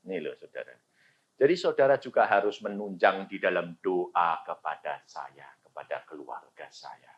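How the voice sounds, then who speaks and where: Man, pastor's sermon, loud calls and hushed asides, dull lo-fi recording. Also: low-pitched, expressive, normal speed, breathy edge. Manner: dramatic storytelling, swinging from loud calls to quiet asides.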